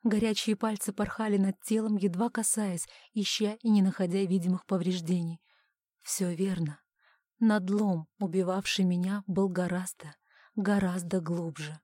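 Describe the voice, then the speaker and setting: A woman reads a first-person audiobook, her voice soft and at times dropping to a near whisper. The sound is dry and close, with no room around it. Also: medium pitch, steady tone, moderate pace, no room sound. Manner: soft, often sinking to a whisper. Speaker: audiobook narrator. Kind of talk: first-person scripted narration.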